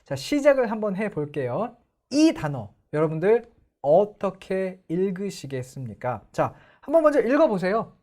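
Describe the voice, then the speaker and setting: Lively Korean woman teaching pronunciation. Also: medium pitch, normal speed. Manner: explanatory, asks the viewers questions. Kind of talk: online lecture.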